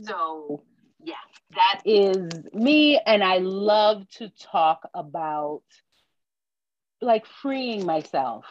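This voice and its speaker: A woman's voice: medium pitch, animated, drawn-out words, no room sound. This woman from Haiti tells her own story on a podcast, candid and reflective, often stopping and restarting. Her voice sits in a middle register. The recording is close and dry, with a slightly muffled, lo-fi tone. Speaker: podcast guest. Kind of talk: personal storytelling interview. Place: New York.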